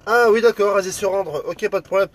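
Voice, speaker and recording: A high-voiced Frenchman working as an amateur radio operator talks fast, moving between call signs and casual chat. He sounds friendly and a bit hesitant, with slight background noise.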